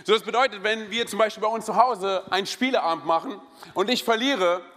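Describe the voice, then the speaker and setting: A pastor in his thirties preaches a sermon in a church hall, energetic and joking, telling personal stories with many interjections. His voice sits high and moves a little fast, and a long hall reverb trails his words.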